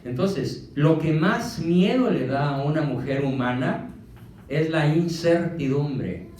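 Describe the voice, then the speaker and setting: Mexican guy giving a lecture, kinda high voice, lots of questions, big echo from far off. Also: animated, slow pace, a little mellow. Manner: emphatic, fires rhetorical questions. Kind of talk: motivational lecture to an audience. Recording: echoey room from a distant mic.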